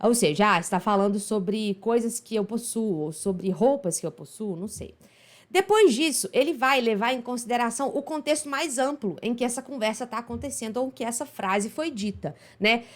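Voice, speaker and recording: A woman's voice: a little high, expressive, moderate pace. A Brazilian woman with a Minas Gerais accent, explaining pronunciation in a chatty online lesson, often asking "right?". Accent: Minas Gerais Portuguese. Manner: chatty, explanatory, frequent tag questions. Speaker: English pronunciation teacher.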